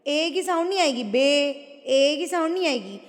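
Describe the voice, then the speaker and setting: A woman teaching tajweed, patiently explaining each rule and reciting phrases slowly. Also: high voice, expressive, big-room sound. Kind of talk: tajweed lesson with slow recitation.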